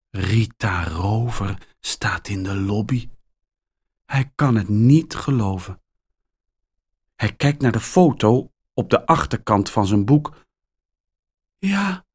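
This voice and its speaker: A man narrating a children's story at a very slow, careful pace. His voice sits somewhat low. It rises and falls expressively from line to line. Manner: very slow, clearly articulated, expressive.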